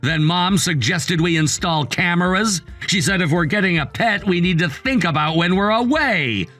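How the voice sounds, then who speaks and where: A man's voice: sits high, expressive, moderate pace, sharp tone, soft background music. A man voicing a betrayed young husband in a dramatized text story, curt and icy.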